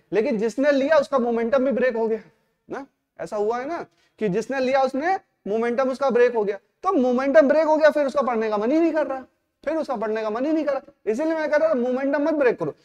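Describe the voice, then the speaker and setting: A man with a very high voice speaks to his exam students in a fatherly, repeating way, calling them "beta". The sound rings with a long echo off the hard walls of a classroom. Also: a little mellow. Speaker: coaching teacher. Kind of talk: motivational talk to students. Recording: echoey hall.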